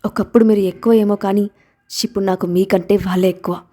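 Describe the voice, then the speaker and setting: A woman's voice: mid-range voice, steady tone, quick pace, slight background noise, lightly acted. Woman voicing a defiant young mother. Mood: reproachful. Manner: sharp, reproachful.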